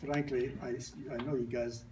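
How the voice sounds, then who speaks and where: A New York-raised man in his sixties with a non-native English accent presents a product informally, speaking at a moderate pace in a medium pitch with little pitch movement. He tells stories, repeats and restarts, and his grammar is broken. He's recorded from a distance against a noisy background.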